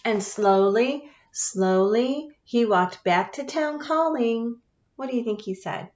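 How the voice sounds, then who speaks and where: A woman teacher reading a picture book aloud to children, expressive and often asking them questions. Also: a little high, measured pace, echoey room. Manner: expressive, asks listeners questions. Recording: dull lo-fi sound.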